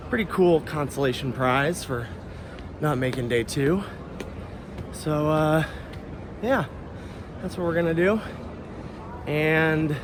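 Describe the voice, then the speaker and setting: Joking man vlogging on camera. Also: fairly high pitch. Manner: joking, teasing. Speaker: podcast host vlogging a convention. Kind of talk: casual vlog chat. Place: convention venue and walkway. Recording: noisy handheld camera audio.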